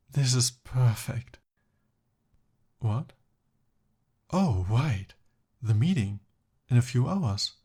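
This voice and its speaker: In a romantic ASMR roleplay, a man plays an earnest young prince hopelessly in love. His mid-range voice is warm and slightly rough, and his delivery is halting, emotional, and pleading, flustering at the slightest thing.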